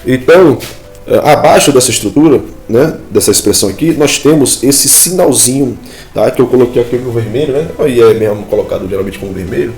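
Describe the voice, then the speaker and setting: A man's voice: mid-range voice, fairly quick, a little mellow. A man giving a lesson on Biblical Hebrew grammar. He explains step by step, checks in with listeners often and points at text on screen. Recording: echoey room, faint music behind.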